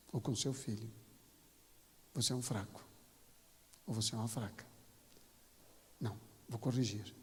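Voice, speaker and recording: A man preaching a sermon as pastor, telling stories and acting out dialogue with sudden loud bursts. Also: mid-range voice. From Brazil. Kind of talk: sermon with storytelling. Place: church hall. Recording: church hall reverb.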